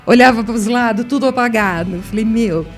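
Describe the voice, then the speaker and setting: A woman at an average pitch, telling a story as a guest on a radio talk show. She talks in a lively, animated way, laughs often and acts out the people she describes. She speaks into a studio microphone, with faint music playing behind her. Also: moderate pace. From Brazil. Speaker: interview guest, writer and singer.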